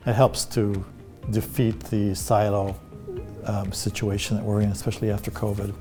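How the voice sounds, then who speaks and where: A middle-aged man from Ireland who is an artist in residence, speaking in an interview in a hesitant, halting way with many fillers. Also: lowish voice, little pitch movement, over music.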